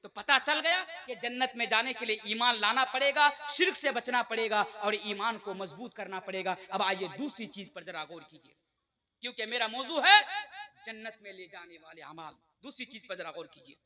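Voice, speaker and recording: A young man from India preaches to a live gathering in a strikingly high voice. His tone is bright and cutting as he declaims with fervour. He keeps calling on the crowd to answer him. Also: moderate pace. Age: 20s. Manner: impassioned, high-pitched declamation with call-and-response to the crowd. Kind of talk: sermon.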